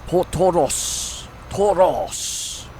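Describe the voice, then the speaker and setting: A gaming channel host delivers casual, chatty gameplay commentary that rambles and often corrects itself. His voice is on the high side, animated and a little mellow, with drawn-out words and slight background noise.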